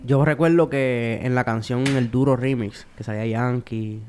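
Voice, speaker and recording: A man's voice: medium pitch, fairly even intonation, moderate pace, a little mellow, slight background noise. A man hosting an interview, asking a long question with hesitant restarts and fillers. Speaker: interview host.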